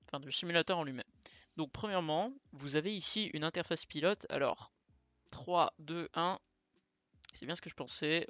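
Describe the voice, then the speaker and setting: Young guy doing a chill screen tutorial, chatty w lots of fillers, kinda high voice, dry mic. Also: fairly bright tone, no room sound. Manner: chatty, many fillers and asides. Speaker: flight sim streamer. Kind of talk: casual screen-recorded tutorial.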